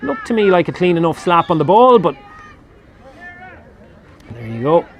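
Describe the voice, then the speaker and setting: Excitable Irish sports commentator man. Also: normal speed, slight background noise. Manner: rises sharply in pitch and volume at scoring chances. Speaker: match commentator.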